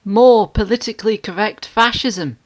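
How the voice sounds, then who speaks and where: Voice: mid-range voice, moderate pace, pitched above the performer's own voice, natural voice. Someone putting on a hammy, outraged stage actor. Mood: grave, declaiming. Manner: hammy, theatrical, grandiose delivery. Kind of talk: dramatic reading of internet comments.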